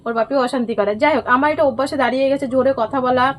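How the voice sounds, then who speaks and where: A woman, a mother and vlog host, chatting loudly and rapidly to her phone camera at home. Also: high voice. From India. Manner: loud, rapid, emphatic talker. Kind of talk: casual family chat to camera. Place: village home. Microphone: phone on a stand.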